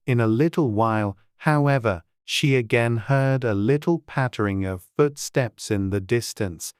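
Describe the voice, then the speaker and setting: A woman's voice: very deep voice, clean tone, no echo, studio quality. A woman narrating a classic storybook in a dramatized audiobook reading.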